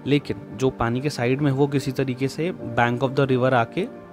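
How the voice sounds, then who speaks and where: A man's voice: medium pitch, steady tone, unhurried, over music. A male biology teacher giving a classroom lecture that mixes Hindi and English, explaining step by step, repeating key terms and throwing in jokey asides.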